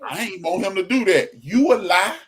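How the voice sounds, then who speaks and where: Animated man acting out quoted arguments. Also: high-pitched, normal speed, slight background noise. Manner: animated, acts out quoted lines in loud bursts. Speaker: podcast co-host. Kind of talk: casual podcast chat.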